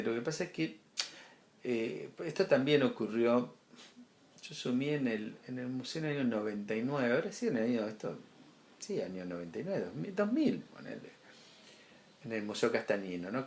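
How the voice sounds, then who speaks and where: A man's voice: mid-range voice, big pitch swings, normal speed. A man with an Argentine accent, a guest in an interview, telling stories in a casual way with frequent fillers and restarts. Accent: Argentine Spanish. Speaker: interview guest, art curator. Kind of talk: casual conversation.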